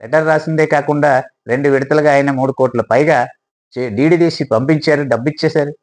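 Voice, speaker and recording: A man's voice: on the high side, fairly even intonation, brisk, poor audio. A man with a Telugu accent giving a political analysis monologue, full of rhetorical questions and hesitant fillers. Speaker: political commentator.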